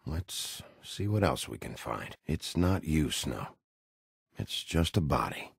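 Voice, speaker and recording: A gruff wolf-man detective from a video game. The voice is extremely deep and full of gravel, recorded close and dry. He speaks in terse, brooding, hard-boiled lines like a seasoned interrogator. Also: very animated, slow pace, dry recording, heavily acted. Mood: quiet, investigative. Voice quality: gravelly, husky growl.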